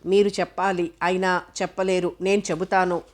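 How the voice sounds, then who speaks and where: A woman's voice: on the low side, level tone, normal speed, natural voice. A woman voicing a distressed, guilt-ridden wife in a spoken novel, bitter and self-reproaching.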